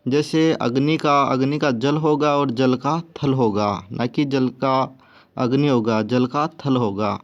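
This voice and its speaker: Male teacher, unhurried and methodical, listing word pairs, dull lo-fi sound. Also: mid-range voice, fairly even intonation. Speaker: Hindi teacher. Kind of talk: spoken grammar lesson. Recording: dull lo-fi recording.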